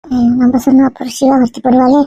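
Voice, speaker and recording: A caring young sister-in-law, played by a woman with a high, flat, mellow voice, pouring out a fast, pitying, scolding monologue. The recording is dry and lo-fi. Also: husky, dry recording. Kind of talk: Tamil family drama dialogue.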